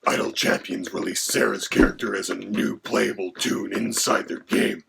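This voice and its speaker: A haughty, hungry male dragon, voiced by a man, speaking low in a rough, creaky, breathy rasp. He delivers facts in a lofty, deadpan way. The recording carries a steady hiss of background noise. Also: normal speed. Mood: lecturing. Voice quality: gravelly, creaky, partly whispered. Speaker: co-host.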